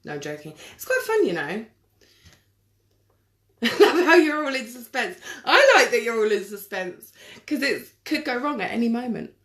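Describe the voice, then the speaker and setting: A woman chatting casually through a live makeup tutorial, self-deprecating and quick to laugh. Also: on the high side, big pitch swings, fairly bright tone. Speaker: makeup vlogger.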